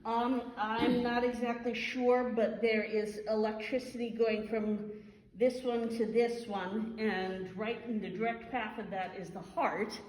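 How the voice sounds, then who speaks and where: A woman instructor giving an informal hands-on first aid demonstration, explaining step by step and halting as she thinks. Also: on the high side, steady tone, darkish tone. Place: large reverberant room. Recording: echoey hall, faint background noise.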